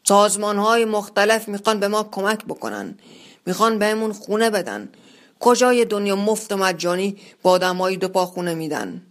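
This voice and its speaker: A pompous leader rallying his wheelchair-bound group with big speeches, voiced by a storyteller. He declaims with confident, booming conviction. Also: fairly even intonation, fairly bright tone, close to an everyday voice. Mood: insistent.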